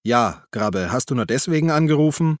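A man plays a gruff, weary police detective who grumbles and gives short, terse answers. He pitches his voice above his natural one, at a medium level with lively intonation and a moderate pace, acting only lightly. The recording is dry and studio quality.

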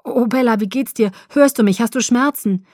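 A woman's voice: mid-range voice, lively intonation, normal speed, no room sound, clean studio sound. A woman voicing a strong, protective young man who speaks urgently and pleadingly. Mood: worried.

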